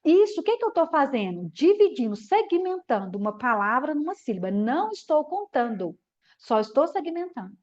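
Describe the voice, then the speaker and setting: A woman giving an explanatory live lecture to teachers, often checking in with short tag questions and slowing down to spell out words syllable by syllable. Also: high-pitched, very animated, a little mellow, muffled recording. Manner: slows to syllable-by-syllable demonstrations. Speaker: teacher educator.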